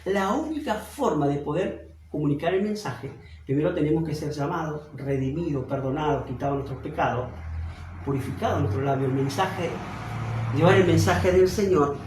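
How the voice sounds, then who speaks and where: Argentine pastor preaching from a distance. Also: male voice, a little high, darkish tone, a little hiss or hum. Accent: Argentine Spanish. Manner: preaching, slows and swells on key phrases. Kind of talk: Bible study sermon. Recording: roomy, from a distance off mic.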